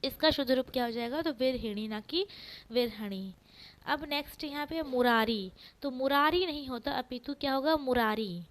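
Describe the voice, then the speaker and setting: A woman teaching an exam-prep spelling lesson, asking each question and repeating the answer slowly. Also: high voice, a bit bright, poor audio.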